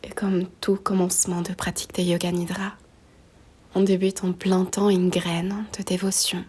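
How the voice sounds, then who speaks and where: A yoga nidra guide leads a slow meditation in a soft, breathy near-whisper. Her voice sits on the low side with little pitch movement. She gently gives unhurried instructions, leaving long pauses.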